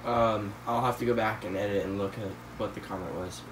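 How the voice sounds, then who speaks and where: This casual pet care vlog comes from a teenage boy with a stuffy nose who films his tanks at home on a handheld phone. He talks briskly in a lowish voice with a steady tone, rambling and using lots of fillers. The background is noisy.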